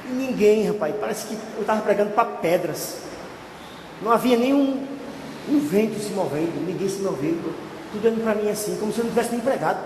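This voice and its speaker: A man pastor telling a testimony as a sermon, lively storytelling that rises to shouts at the climaxes. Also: sits high, fairly quick, a little hiss or hum. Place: church hall. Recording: echoey hall, faint ambience.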